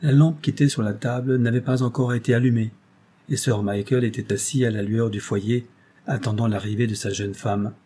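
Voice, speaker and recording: A man narrating a classic novel as an audiobook in a measured, steady storytelling manner. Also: medium pitch, husky.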